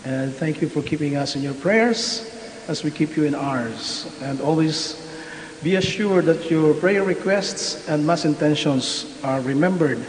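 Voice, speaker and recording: A man, a priest intoning prayers in a measured way at an online Mass, his voice carrying a cathedral echo. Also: on the high side. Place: large church. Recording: echoey hall with faint hiss.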